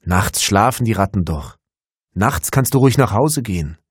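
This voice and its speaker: A man's voice: on the low side, expressive, normal speed, slightly rough, dry recording, studio quality. A man voicing a coaxing kindly old man. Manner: coaxing, gently persuasive. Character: kindly older man with bowed legs.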